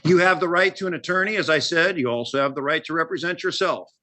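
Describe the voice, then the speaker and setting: A male judge advising a defendant over a video call in a patient, measured way, pausing on fillers and clearing his throat as his voice goes hoarse. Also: a little high, bright, forceful tone. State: voice going hoarse. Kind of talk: courtroom hearing advisement.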